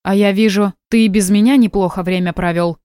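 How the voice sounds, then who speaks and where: A tired, defiant young wife, read by a woman in an audiobook. She speaks sharply and indignantly, at a middling pitch. The sound is dry and close. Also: steady tone, fairly quick, clear, resonant tone, dry recording, close to an everyday voice. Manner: weary, then sharp and indignant.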